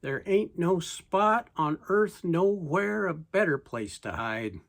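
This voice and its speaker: A person with a reciting poetry as a story in verse, in a folksy way with deliberate pauses. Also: medium pitch, expressive, creaky, a bit bright.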